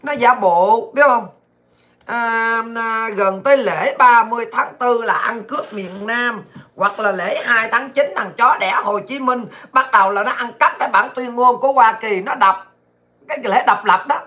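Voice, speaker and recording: A woman delivering angry political commentary, ranting abusively and often shouting. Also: a little high, unhurried. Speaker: political vlogger.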